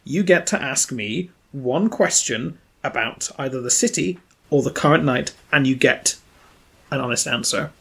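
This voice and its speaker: A man's voice: mid-range voice, moderate pace, creaky, fairly bright tone. A man, narrating as game master of a tabletop role-playing game in a wry, descriptive way.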